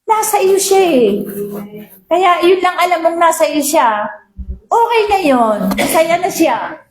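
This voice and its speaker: A woman's voice: very high voice, animated, a little slow, echoey room, low-quality recording. A Filipino woman pastor preaching a sermon, reading English lines and often asking her listeners questions.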